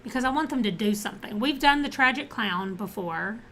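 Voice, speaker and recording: A woman hosts a casual live game stream, talking through her choices as she plays in a slightly high, expressive voice with a sharp tone and a fairly quick pace. She moves between reading options aloud and chatting with viewers, while a faint hum of noise sits in the background.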